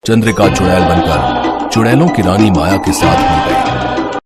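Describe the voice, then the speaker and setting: A man voicing a very old tantric holy man in an animated story, speaking with solemn warnings. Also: deep voice, a little slow, over loud music.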